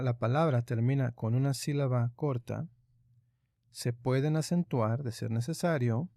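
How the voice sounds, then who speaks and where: A man with a low, gravelly voice walks through grammar rules in a patient online lesson, pausing often with small fillers. His tone is dark and mellow, and the sound is close and dry. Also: dry recording. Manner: patient, explains step by step with frequent fillers. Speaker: teacher. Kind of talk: online lesson on Greek accents.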